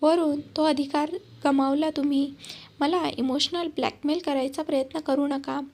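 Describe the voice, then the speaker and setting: A wounded young mother with a high voice, cool and cutting in her replies, as a woman reads her lines. Her words come out firm and mocking, part of a spoken storybook. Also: fairly even intonation, normal speed, a little mellow. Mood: bitter.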